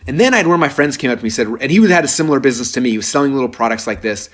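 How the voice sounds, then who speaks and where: Fast-talking energetic man pitching a webinar. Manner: energetic, rambling, heavy on filler words. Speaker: webinar presenter. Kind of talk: live sales webinar storytelling.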